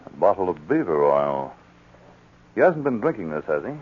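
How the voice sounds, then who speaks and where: A man's voice: low voice, big pitch swings, normal speed, breathy edge, exaggerated voice. A man playing a firm, probing police sergeant with an authoritative manner in a 1940s radio drama. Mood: investigative, resolute. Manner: authoritative, questioning, emphatic. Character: firm, probing, fair-minded police sergeant of the northern wilderness. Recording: muffled, worn 1940s radio recording.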